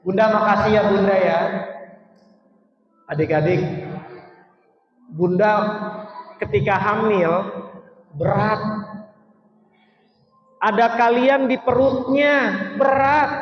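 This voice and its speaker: High-voiced man coaxing children, echoey hall. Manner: earnest, coaxing, urges children to stand and act. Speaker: children's storyteller and preacher. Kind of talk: emotional religious talk to children. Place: large echoing mosque hall. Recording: echoey hall, muffled sound, faint background noise.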